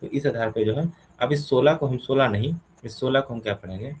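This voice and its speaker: Male teacher, mid-pitched voice, talks through each step and quizzes himself, light hiss behind. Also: fairly quick, dull audio. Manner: asks questions and answers them himself, counts step by step. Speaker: reasoning teacher. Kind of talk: explaining a classroom problem.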